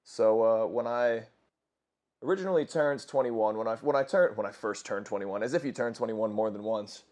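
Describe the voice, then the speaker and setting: His voice sits on the low side and is a little mellow, with a normal speed. He's a gaming commentator in his twenties, telling crude, rambling tales over gameplay with plenty of swearing and self-corrections.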